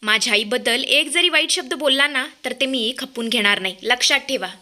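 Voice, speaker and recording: A woman's voice: sits high, fairly quick, bright, forceful tone. A woman voicing a hurt but proud young village girl standing up to her lover's mother in a narrated TV-serial recap. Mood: firm. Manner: firm, rustic speech.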